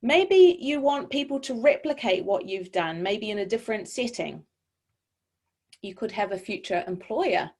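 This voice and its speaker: A woman from New Zealand, her accent softened by long years in Europe, coaching a webinar audience in a clear, measured, encouraging way over a video call. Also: medium pitch. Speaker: webinar presenter. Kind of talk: online presentation coaching.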